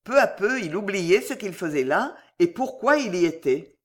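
A narrator giving a dramatic, expressive reading of a classic novel. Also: mid-range voice, moderate pace.

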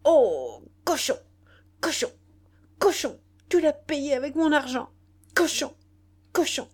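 A woman's voice: sits high, big pitch swings, pitched above the performer's own voice, exaggerated voice. Woman voicing a furious betrayed young woman. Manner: rapid, broken, panting outbursts.

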